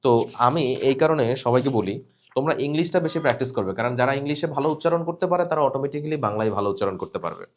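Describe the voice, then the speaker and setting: A man's voice: medium pitch, lively intonation, very fast. Man coaching cabin crew candidates. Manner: instructive, corrects students directly, demonstrates readings. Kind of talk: live coaching class.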